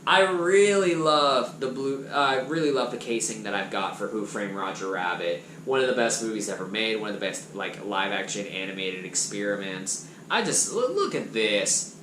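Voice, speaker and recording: A man chatting casually and enthusiastically as he reviews movies from his collection on a vlog, his loudness swinging up and down. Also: on the low side, expressive, normal speed. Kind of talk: casual chat. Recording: echoey room with background noise.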